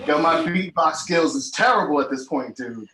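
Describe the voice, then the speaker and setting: A man hosting a casual live-stream chat show, loud and joking. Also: a little high, lively intonation, normal speed. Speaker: host. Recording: echoey room, faint noise.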